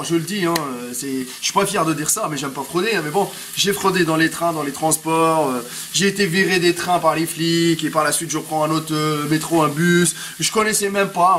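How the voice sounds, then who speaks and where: A man's voice: fairly high pitch, low-quality recording. A man in his thirties with a Tunisian accent, chatting in a hyped-up, slangy way while cooking in his home kitchen, recorded by a propped camera a bit away. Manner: street slang, rambling, pumped motivational tone. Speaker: fitness vlogger. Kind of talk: casual hyped-up vlog chat. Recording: loud frying noise behind. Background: sizzling frying pan.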